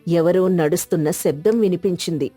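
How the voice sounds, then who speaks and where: A woman narrates a moral tale in a steady, scripted manner. Her voice is low and warm-toned, dry and close to the mic, with faint music playing underneath. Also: normal speed, no room sound.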